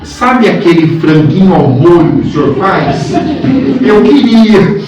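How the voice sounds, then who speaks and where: A man's voice: high-pitched, normal speed, music in the background, pitched above the performer's own voice, natural voice. A man voicing a very young, timid novice monk who pleads and whines, in an echoey hall with the mic far off. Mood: fretful.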